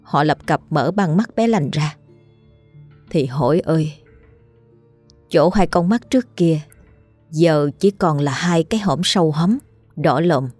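Low mellow woman narrating a ghost story. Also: no room sound.

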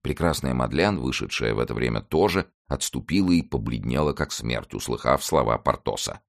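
A man narrating an audiobook in an expressive, measured reading. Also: very deep voice, vocal fry, no room sound, clean studio sound. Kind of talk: scripted narration.

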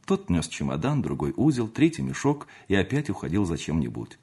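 A man narrating a classic novel in an expressive, measured reading. His voice sits fairly low and carries a husky edge. His intonation moves a lot. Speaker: audiobook narrator. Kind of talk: scripted narration.

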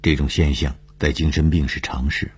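A man narrating a suspense story in measured, deliberate audiobook style. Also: extremely low pitch, fairly even intonation, husky.

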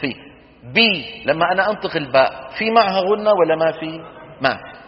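A middle-aged man leads a recitation class, his slightly high voice pausing to quiz students and demonstrate each sound. The recording is dull, with a long hall reverb around him. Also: animated. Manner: asks students quick questions and answers them himself, demonstrating sounds aloud. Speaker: Quran recitation teacher. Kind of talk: classroom lecture with questions to students.

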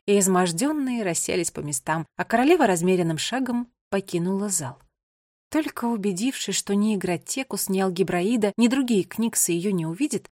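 A woman reading an audiobook in a measured, expressive storybook narration. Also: medium pitch, dry recording, clean studio sound.

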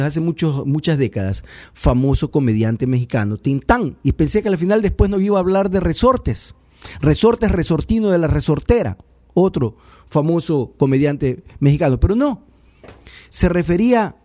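A man's voice: a little high, dark tone, no echo. A man from Ecuador, giving political commentary in a sarcastic, pedantic and critical way. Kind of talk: radio-style political commentary.

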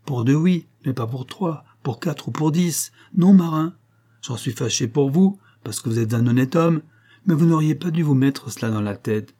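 A stern, blunt old countrywoman, a village seamstress in a storybook, as a man reading aloud puts her on. Her voice sits well above a man's usual pitch and stays dark and mellow in tone. She talks curtly and severely, and she will not budge. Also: lively intonation, normal speed. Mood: stern, firm. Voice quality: curt, severe.

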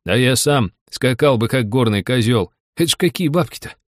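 A man's voice: medium pitch, expressive, moderate pace, no room sound, clean studio sound, pitched above the performer's own voice, close to an everyday voice. A man voicing a talkative, hungover male gamer buddy who gripes about money, in an audiobook. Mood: grumbling.

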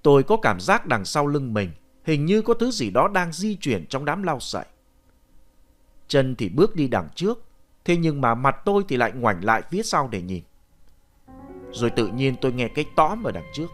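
A man narrating a ghost story in the first person, telling it with animated, expressive delivery. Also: medium pitch, normal speed, soft background music. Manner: animated storytelling, shouting the boy's cries.

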